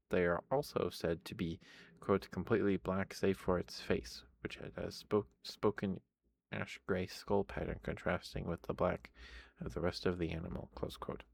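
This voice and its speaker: A man speaking softly in a casual ASMR style, reading and chatting, with a tired, worn-out voice. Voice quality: low, creaky voice. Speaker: ASMR host reading aloud. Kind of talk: soft-spoken ASMR reading and chat.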